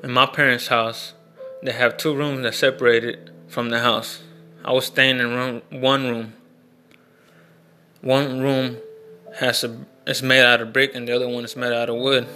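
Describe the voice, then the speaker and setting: A young vlogger rambles through a personal story, unscripted and frank, full of restarts and fillers. His bright, forward voice stays level and flat, a little slow with long pauses, over faint guitar music.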